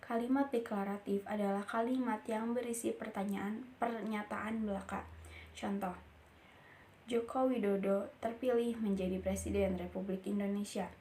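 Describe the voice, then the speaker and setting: Young woman student reading class notes out loud, steady, trips on words sometimes, bit of noise behind. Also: medium pitch, moderate pace. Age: young adult. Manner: reads steadily from notes, with small slips and restarts. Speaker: university student presenting. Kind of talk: reading course material aloud.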